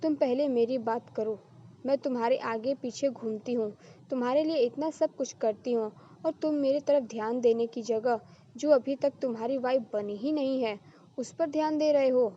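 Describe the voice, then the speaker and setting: A woman's voice: sits high, normal speed, mellow, highs cut off, a little hiss or hum, natural voice. A woman reading the lines of a jealous, clingy young wife in a storybook drama, with an insistent delivery.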